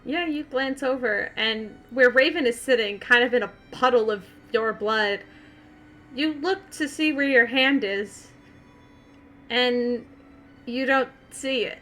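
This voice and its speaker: High, bright-voiced woman game master. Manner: casual, sweary, dramatic pauses. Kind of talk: improvised tabletop game narration.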